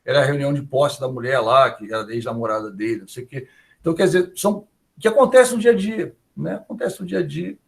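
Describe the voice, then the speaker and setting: This professor talks fast in a medium-pitched, creaky voice, his Brazilian Portuguese accent clear. His online lecture is loose and chatty, peppered with short check-in questions.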